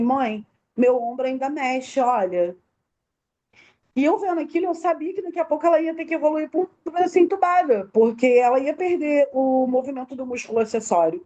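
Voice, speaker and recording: Woman, middle-aged, fairly high voice, warm and mellow, detailed emotional testimony, acts out quoted dialogue. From Brazil. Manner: tells the story in detail, acting out quoted dialogue. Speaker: interview guest, bereaved mother.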